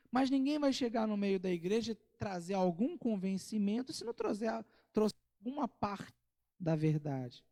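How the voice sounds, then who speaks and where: Warm-voiced Brazilian man teaching scripture. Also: extremely high pitch, creaky, big-room sound. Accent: Brazilian Portuguese. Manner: reads scripture slowly, then explains with asides and light humor. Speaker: Bible study teacher. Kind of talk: conversational Bible study teaching. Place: church.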